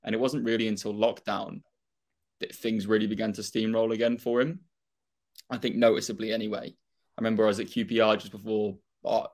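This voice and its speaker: A young man with a Norfolk accent chatting casually and opinionatedly about football as a fan, in a rambling way. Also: fairly low pitch. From Norfolk, England.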